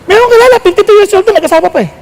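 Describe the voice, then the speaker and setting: A man with a Filipino accent preaching a sermon, mixing Tagalog and English, asking the audience questions and swinging his pitch up for emphasis. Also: very fast, gravelly, a little mellow.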